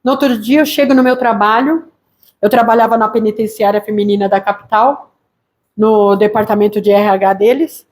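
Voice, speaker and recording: A woman missionary pastor with a Brazilian Portuguese accent, telling her church testimony in a lively way and acting out voices. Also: mid-range voice, moderate pace. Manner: lively storytelling, acts out quoted voices.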